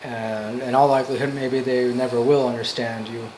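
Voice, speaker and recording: A man giving an off-the-cuff motivational monologue, earnest and emphatic, in halting phrases that repeat for emphasis. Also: mid-range voice, level tone, darkish tone, a little hiss or hum, rough recording. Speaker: amateur motivational speaker.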